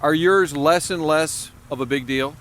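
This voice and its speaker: A man's voice: a little high, measured pace, a bit bright, a little hiss or hum. A man in his forties hosting a casual chat podcast, hyper and joking. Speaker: podcast host.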